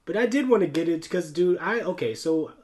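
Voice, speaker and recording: An American man tells personal stories in casual podcast chat. His voice sits a little higher than average. He rambles and restarts, leaning on slang like dude and bro. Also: animated, brisk, a little mellow. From United States. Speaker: YouTuber, podcast host.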